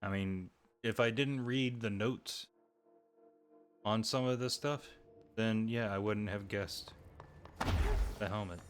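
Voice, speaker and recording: Lower-voiced man narrating his gameplay. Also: slow pace, pauses often, faint music behind. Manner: relaxed, thinking aloud, self-correcting. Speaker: gameplay streamer. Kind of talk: casual let's-play commentary.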